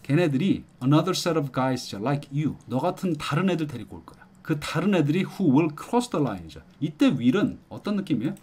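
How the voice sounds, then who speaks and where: A man's voice: fairly high pitch, measured pace, hardly any pauses, slight background noise. A middle-aged man giving an exam-prep lecture, coaxing and explaining, often asking "got it?". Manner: lively, coaxing, checks in with "알겠죠?". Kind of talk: explanatory lecture with questions to students.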